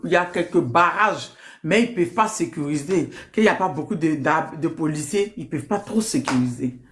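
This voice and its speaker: A woman hosting a live stream on her phone, explaining the news in a brisk, plain way to a guest on the call. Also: deep voice, lively intonation. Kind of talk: casual live-stream chat.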